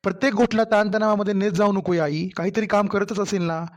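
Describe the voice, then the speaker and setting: A voice actor playing a young married son and brother in a cartoon family story, placating and hurried. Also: mid-range voice, steady tone, lightly acted.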